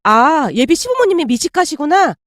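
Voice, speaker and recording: A woman acts out a scornful young sidekick who snaps orders in a high, lively voice. Her tone is irritable and commanding. The sound is dry and close. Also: normal speed, no echo. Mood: scheming.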